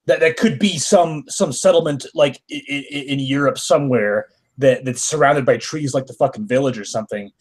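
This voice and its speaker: A man in a relaxed podcast conversation, talking in a loose, easygoing way. He drops the odd swear word offhandedly as he thinks aloud. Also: mid-range voice, fairly quick, few pauses. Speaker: podcast co-host. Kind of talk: casual chat.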